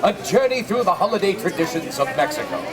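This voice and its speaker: A man playing a grand Magi king, loudly proclaiming in theatrical live storytelling. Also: high-pitched, expressive, fast talker. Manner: loud, proclaiming. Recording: outdoor crowd noise.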